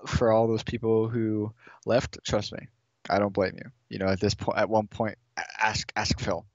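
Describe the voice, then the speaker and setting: A man co-hosting a reaction video, speaking in an excitable, emphatic way. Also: lowish voice, normal speed, no echo, dull audio. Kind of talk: casual reaction video commentary.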